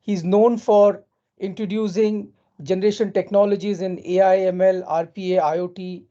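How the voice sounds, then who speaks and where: Mellow, posh Indian-accented woman host. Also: medium pitch, fairly even intonation, normal speed. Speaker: event host. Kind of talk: formal corporate presentation and introductions. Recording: dull, lo-fi audio.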